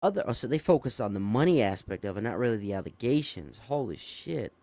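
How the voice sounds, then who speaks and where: A young man hosting a casual live stream, reading a news story aloud and breaking off to react. He swears freely, stumbles and fixes his words as he goes, and sounds amazed. His voice sits at an average pitch and is recorded dry and close. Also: very animated, fast, dark tone, no echo. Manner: swearing, easily amazed, with frequent fillers and self-corrections. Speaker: show host.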